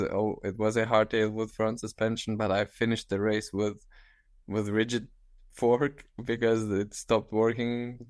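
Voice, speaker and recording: A man in his thirties with a Lithuanian accent, a guest on a video call interview, speaking haltingly with frequent restarts and easy laughter. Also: fairly low pitch, clear, resonant tone, no room sound, clean studio sound. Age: 30s. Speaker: guest, ultra-distance cyclist. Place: small room at home, indoors.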